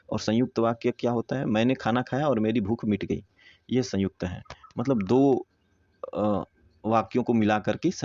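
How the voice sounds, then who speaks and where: A man with a low, mellow voice teaches an exam prep lesson, walking through each answer step by step. He repeats words slowly as he explains. The sound is dull and close.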